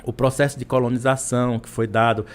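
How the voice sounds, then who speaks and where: A man's voice: mid-range voice, little pitch movement, brisk. Hesitant Brazilian man, professor guest. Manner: hesitant, many restarts and repeated words. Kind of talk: podcast interview.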